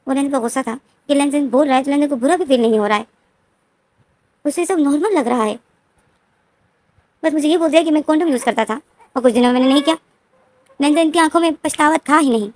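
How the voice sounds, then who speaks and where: A woman's voice: high voice, quick pace, pauses often. A woman casually retelling a story, often repeating and restarting her sentences. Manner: repetitive, restarting narration.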